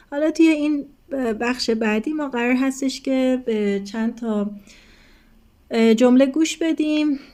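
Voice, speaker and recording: A woman's voice: a little high, warm tone. A woman teacher explaining an English textbook lesson step by step, patiently addressing her students.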